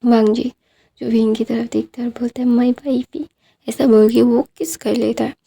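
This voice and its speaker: A woman casually retelling a fanfiction story in a flat, monotone read full of fillers. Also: a little high, fairly quick, creaky, slightly rough.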